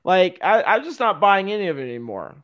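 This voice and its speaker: A podcast co-host chatting loosely and joking. He speaks with a markedly high voice for a man. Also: big pitch swings, a little fast, a bit bright, highs cut off. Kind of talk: casual chat.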